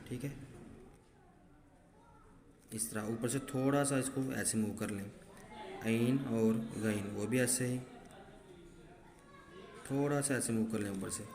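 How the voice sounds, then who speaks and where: A man's voice: mid-range voice, a little mellow. A man teaching students how to write letters, explaining each stroke patiently and step by step. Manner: patient, step-by-step, repeats "ठीक है". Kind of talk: handwriting lesson. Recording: echoey room with faint background noise.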